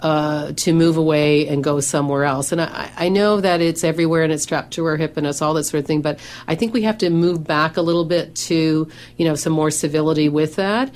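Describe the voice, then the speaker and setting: This professional organizer and coach, a middle-aged woman on a radio show, has a deep, slightly mellow voice and talks briskly with few pauses. She describes her voice as big and carrying, and she chats conversationally with plenty of "you know" fillers and restarts.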